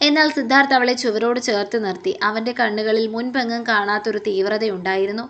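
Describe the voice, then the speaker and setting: Woman reading a romance story out loud, highish voice, steady and expressive. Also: brisk, muffled recording. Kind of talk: scripted story narration.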